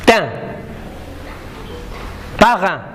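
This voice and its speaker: A primary school teacher from Morocco patiently drills syllables and corrects young pupils in a classroom reading lesson. Her medium-pitched voice swings widely in pitch and draws words out, with slight background noise.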